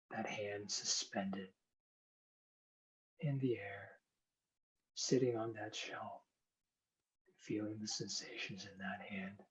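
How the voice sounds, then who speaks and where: A man speaking as a hypnotherapist, giving soothing, unhurried, gentle instructions in guided hypnosis and explanation. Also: lowish voice, poor audio. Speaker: hypnotherapist demonstrating a hand induction.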